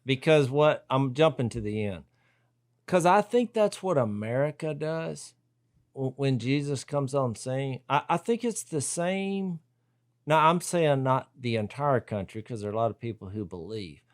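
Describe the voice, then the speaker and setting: A man co-hosting a casual Bible discussion, thinking aloud and acting out quoted lines with sudden loud jumps. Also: mid-range voice, animated, measured pace, no echo, clean studio sound. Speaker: podcast co-host.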